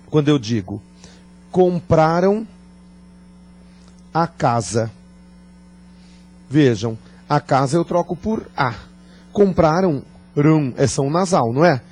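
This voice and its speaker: A man teaching a grammar lesson, talking deliberately, joking and quizzing his class. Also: mid-range voice, a little mellow. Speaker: Portuguese teacher.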